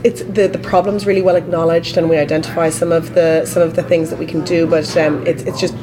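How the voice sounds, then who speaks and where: A woman with a hoarse, croaky frog voice from a touch of flu, talking haltingly and thoughtfully as a guest in a casual interview. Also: on the low side, level tone, low-quality recording. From Canada. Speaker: interview guest, credit union employee. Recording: busy conference chatter behind. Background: crowd at a conference.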